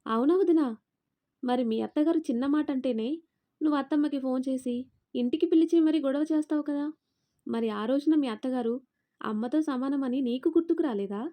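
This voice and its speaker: A woman's voice: fairly high pitch, fairly quick, long pauses, mellow, natural voice. A woman doing a bold, defiant young daughter-in-law. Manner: firm, confrontational, raised voice.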